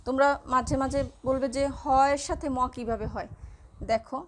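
Woman lecturer, high voice, patient and deliberate, spelling letters out for students. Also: steady tone, a little hiss or hum. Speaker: Bengali lecturer. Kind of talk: classroom lecture.

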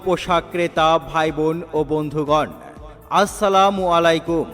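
A man announcing a street advertisement in a loud, formal way, as if over a loudspeaker. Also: on the high side, fairly even intonation, moderate pace. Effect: echoing loudspeaker-style announcement sound. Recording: long reverb with music underneath.

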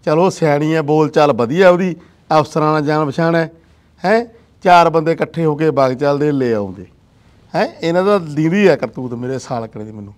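A blustering old village father, played by a man, with a slightly raised voice. He grumbles in a country short-film drama and keeps tacking a gruff "huh?" onto his sentences. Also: a little high, moderate pace, close to an everyday voice. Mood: grumbling. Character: blustering old village man, son's wife has left. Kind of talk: rural comedy-drama acting.

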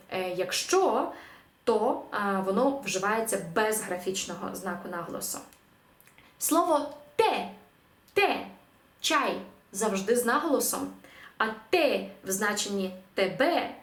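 A woman's voice: medium pitch, roomy sound. A woman teaching an online language lesson, explaining patiently with frequent hesitation sounds.

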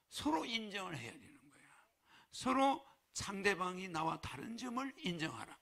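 A man's voice: sits high, big pitch swings, unhurried, vocal fry, bright, forceful tone. A man preaching to followers in a folksy way, chuckling and throwing rhetorical questions at them. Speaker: religious leader addressing followers. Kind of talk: sermon.

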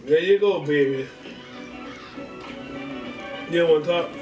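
A young man talking drunkenly in crude, loud, taunting banter full of swearing. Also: fairly high pitch, a little slow, faint music behind. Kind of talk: crude casual joking banter. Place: small motel room and bathroom. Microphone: camera mic from across the room. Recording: roomy, distant camera mic, people talking over.

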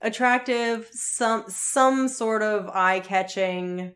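A woman co-hosting a podcast, recapping a show in a relaxed, animated way. She laughs often as she retells the plot, with a mid-range voice. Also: mid-range voice, slow. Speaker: podcast co-host. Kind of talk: casual chat recapping a TV episode.

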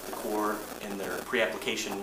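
A man with a somewhat low voice walks a board through a technical update, speaking in a measured, plain way and often restarting his phrases. He sounds set back from the mic in an echoing room, with clear background noise. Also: fairly even intonation. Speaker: engineering manager briefing a board. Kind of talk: presentation to a board. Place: boardroom meeting. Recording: roomy distant mic, noisy meeting room.

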